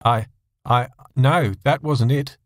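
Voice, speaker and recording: Pleading guilty man acted by a male reader, audio story dialogue, stammering, raised pitch, dry sound. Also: expressive, normal speed, a bit bright, no echo. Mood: defensive, pleading. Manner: hesitant, stammering.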